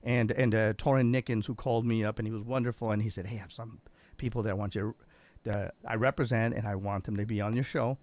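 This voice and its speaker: A man's voice: fairly low pitch, steady tone, fast talker, a little mellow. A man hosting a casual livestream interview over a video call, chatty and upbeat, often repeating words and restarting his sentences. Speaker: livestream show host.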